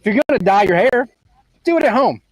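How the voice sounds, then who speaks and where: Male concerned citizen, deadpan scold, high dry voice. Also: fast, dry recording. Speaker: concerned citizen in comic video.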